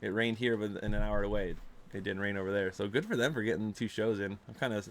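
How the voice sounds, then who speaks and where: Speaking fast in a lowish voice with slight background noise, a man hosts a casual chat show from home, loud rain audible outside. Stuffed up from allergies, he rambles loosely with lots of fillers into a desktop mic.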